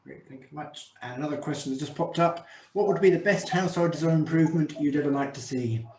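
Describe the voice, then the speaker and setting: A man's voice: on the high side, quick pace, darkish tone. A man moderating a question-and-answer session over a video call, polite and hesitant with many fillers and restarts. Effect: heard over a video call. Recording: echoey and distant video call audio.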